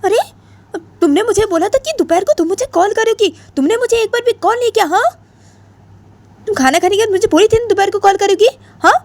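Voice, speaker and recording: A woman doing Jiya, a shrill demanding young girlfriend. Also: fairly quick, dry recording. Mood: upset, scolding. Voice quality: shrill, raised voice. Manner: scolding with repeated questions.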